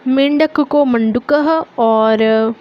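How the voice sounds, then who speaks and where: A woman's voice: fairly high pitch, extremely slow, dull audio. A young woman teaching an online lesson, patiently spelling out word sounds and checking in with her students often.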